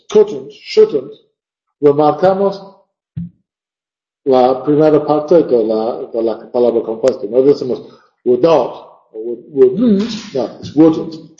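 A man's voice: a little high, dark tone, reverberant. A male teacher giving a classroom lecture, thinking aloud and reciting verse lines with stressed beats. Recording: dull lo-fi classroom recording.

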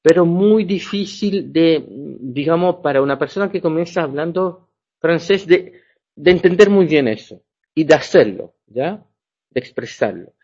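A man's voice: on the high side, lively intonation, measured pace, darkish tone. Man teaching in a lo-fi recording. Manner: explanatory, checks understanding with "ya". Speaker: French teacher. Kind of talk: classroom lecture. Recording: dull lo-fi sound.

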